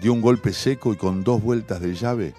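A man with a Rioplatense accent narrating a short story in a measured, expressive way. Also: lowish voice, faint music behind. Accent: Rioplatense Spanish. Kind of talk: audiobook story reading.

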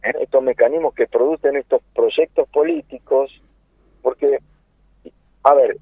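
A man's voice: mid-range voice, unhurried, slightly rough, dry recording. Argentine man around 60 on a phone line. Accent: Argentine Spanish. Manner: earnest, many fillers and rhetorical questions. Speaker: interview guest, political activist. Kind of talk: impassioned political phone interview. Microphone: telephone. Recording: tinny dry phone line.

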